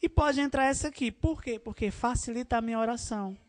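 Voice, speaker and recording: A woman leading a worship workshop in an informal, animated teaching style, often adding tag questions. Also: fairly high pitch, fast, dry recording.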